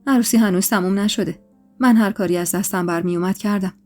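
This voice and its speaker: A woman voicing a calm, loving young husband who talks gently and reassuringly to his wife. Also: mid-range voice, faint music behind, lightly acted. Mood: soothing.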